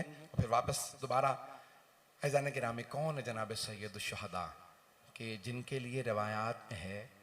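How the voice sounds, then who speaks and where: A male cleric delivering a mourning sermon, moving from soft storytelling to loud, wailing recitation. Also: mid-range voice, a little hiss or hum. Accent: Indian English-Urdu mix, Londoner. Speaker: Shia cleric giving a majlis.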